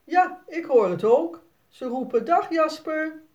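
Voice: high-pitched, animated, takes it slowly, darkish tone, highs cut off, voice pushed up. A narrator doing a cheerful, patient dad. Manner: cheerful and encouraging. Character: friendly, patient father. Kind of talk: storybook read-aloud.

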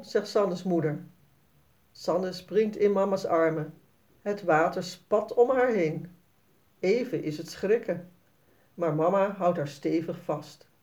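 A woman narrating a children's story read aloud in a clear storytelling manner. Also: on the low side, dark tone.

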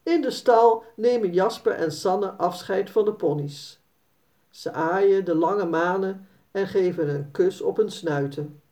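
Slow, mellow woman reading a children's story. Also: mid-range voice. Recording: dull, slightly distant recording.

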